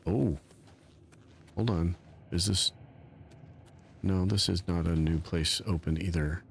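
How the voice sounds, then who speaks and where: A man's voice: low voice, steady tone, slow pace, creaky, a little hiss or hum. A man streaming a game live, rambling in a self-mocking way and chatting with his viewers. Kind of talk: casual live-stream commentary.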